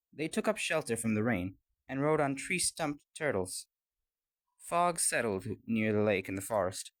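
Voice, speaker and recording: Here a man tells a scripted fairy tale as a storyteller would, with lively storybook expression and a voice of medium pitch.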